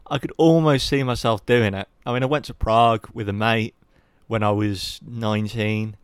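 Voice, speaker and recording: A man's voice: lowish voice, steady tone, normal speed, clean tone, no echo. A young man, by the sound of his talk, reviewing a horror sequel in a casual chat, candid and rambling, swearing now and then. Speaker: podcast co-host.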